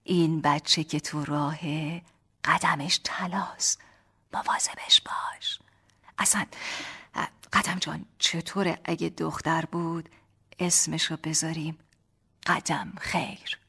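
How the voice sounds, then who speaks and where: A woman reading the lines of an affectionate, teasing young husband in a slow, gentle storybook voice. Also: on the low side, expressive, creaky, breathy edge, exaggerated voice. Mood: tender.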